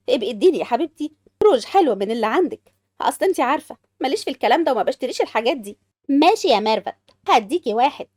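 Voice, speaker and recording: A woman with an Egyptian accent voicing sharp-tongued sisters-in-law who bicker in a home-made family drama. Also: sits high, no echo. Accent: Egyptian Arabic.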